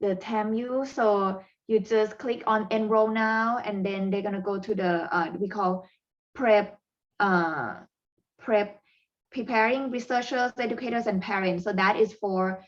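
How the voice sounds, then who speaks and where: Speaking with a Thai accent, this native Thai woman gives a webinar on parent coaching strategies at a medium pitch with fairly even intonation. Frequent pauses, fillers, and non-native phrasing mark her delivery, and the recording is muffled.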